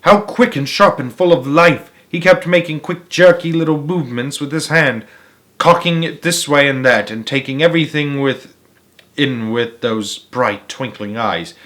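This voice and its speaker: Narrating a children's novel, this male storyteller speaks with expressive emphasis in a mid-range voice, at times pausing and repeating a phrase.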